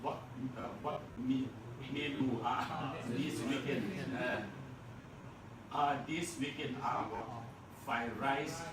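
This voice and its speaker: A man with a Burmese accent teaching an English class, speaking slowly, repeating words and chuckling often. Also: medium pitch. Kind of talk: classroom lecture. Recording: echoey classroom, mic far off, noisy.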